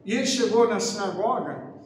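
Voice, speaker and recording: A man's voice: sits high, lively intonation, normal speed. A man preaching a sermon to his congregation, telling a story with acted-out quotes. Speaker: pastor. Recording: echoey hall, faint noise.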